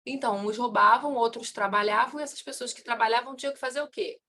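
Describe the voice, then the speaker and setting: A woman teaching a class on family constellation, asking the students questions and answering them herself, her voice rising and falling in loudness and speed. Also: fairly high pitch, quick pace. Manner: lively, swings in loudness and pace.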